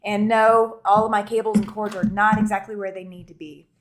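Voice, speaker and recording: A woman's voice: mid-range voice, little pitch movement, a little fast, background noise. A woman chatting casually to viewers as a livestream host, in a garage studio with an empty-warehouse echo. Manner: chatty, addresses viewers directly. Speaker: livestream host of a quilting channel. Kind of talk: casual live-stream chat. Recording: echoey garage, warehouse-like room sound.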